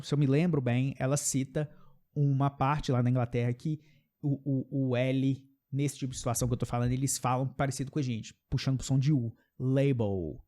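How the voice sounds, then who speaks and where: A Brazilian man, a native Portuguese speaker, gives an English pronunciation lesson, saying example words slowly and often checking in with "ok?". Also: medium pitch, dark tone. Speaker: English teacher.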